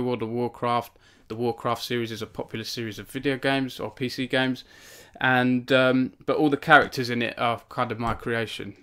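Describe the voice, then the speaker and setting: Young man, live stream host, smooth resonant voice, medium pitch, rambling with fillers. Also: a bit bright. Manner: rambling, filler-heavy, self-deprecating. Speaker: author hosting a book launch stream. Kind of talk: casual live stream chat. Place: home log cabin.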